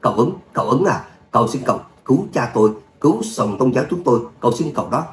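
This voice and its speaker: A man voicing a desperate young man who pleads in a hurried way, in a roomy recording. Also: medium pitch, big pitch swings, lightly acted. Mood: pleading. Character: desperate young man begging for his father. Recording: roomy echo, faint hum.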